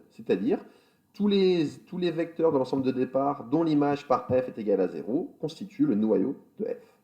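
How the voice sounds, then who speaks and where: A man teaching a recorded math lecture, explaining step by step, with fillers and quick self-corrections. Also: medium pitch, mellow, muffled recording. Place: school in France.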